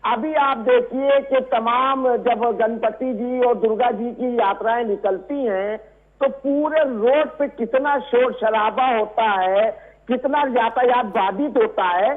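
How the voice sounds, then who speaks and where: Over a remote call link, a man with a very high voice argues with emphasis and indignation as a religious scholar guesting on a combative TV debate. The call audio sounds narrow, tinny, thin and band-limited.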